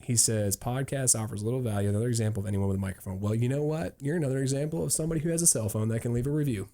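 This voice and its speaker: A man's voice: medium pitch, racing, mellow. A man hosting a travel podcast in a casual, upbeat, joking tone. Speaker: podcast host.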